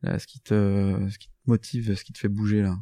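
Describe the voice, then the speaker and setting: Relaxed rambling male interviewer. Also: fairly low pitch, fairly quick, no echo, studio quality. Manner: relaxed, rambling questions with fillers. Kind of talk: casual interview talk.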